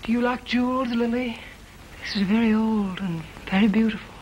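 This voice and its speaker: Female vampire actress, imperious, slow, theatrical menace; high voice, muffled old horror film sound. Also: a little mellow, a little hiss or hum, lightly acted. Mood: seductive, hypnotic.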